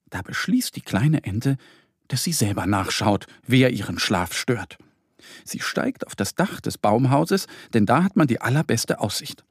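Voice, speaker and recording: A man narrating a bedtime storybook for children in a gentle, expressive way. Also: fairly low pitch, breathy edge, no echo, clean studio sound.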